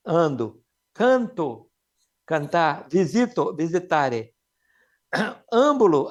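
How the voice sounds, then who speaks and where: A man with a Brazilian Portuguese accent teaching a live Latin class, patiently drilling students with questions and slowly modelling each word. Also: high-pitched, dull audio. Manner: repeats and slows words to model them.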